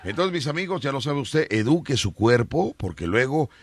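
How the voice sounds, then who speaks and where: A man's voice: medium pitch, sing-song, moderate pace, no echo. A man with a Mexican accent hosting a comic radio show, joking and telling stories with many restarts. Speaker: radio host. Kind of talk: comic morning radio talk.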